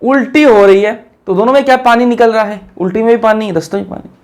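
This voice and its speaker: A man's voice: high voice, fast. A young man giving a casual lecture, chatty, asking his students questions and answering them himself. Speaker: teacher.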